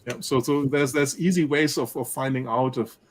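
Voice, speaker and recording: A man with a German accent speaking as an analyst guest in a panel discussion, animated and peppering his points with rhetorical tag questions. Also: mid-range voice, normal speed, slight background noise. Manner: animated, rhetorical "right?" tags.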